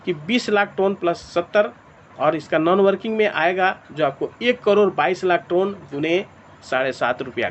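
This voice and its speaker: A man presenting a money plan in an online meeting, walking through the figures step by step and calling the audience dear friends. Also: high-pitched. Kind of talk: sales presentation over a video meeting. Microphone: clip-on mic. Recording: dull lo-fi call audio with faint noise.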